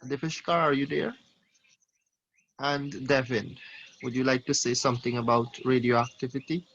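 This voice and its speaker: Teacher for an online class, man, mid-pitched, questioning tone, muffled lo-fi call audio. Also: fairly even intonation, moderate pace, a bit bright. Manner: questioning, calls on students by name. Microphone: video call.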